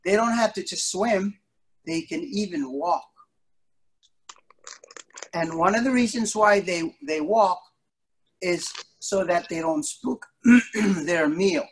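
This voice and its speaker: A middle-aged man with a high-pitched voice teaches small children over a video call, spinning stories with exaggerated surprise and elongated words. He's recorded in an indoor studio through a device mic at short range. The recording is rough, with background noise and clicks from the call.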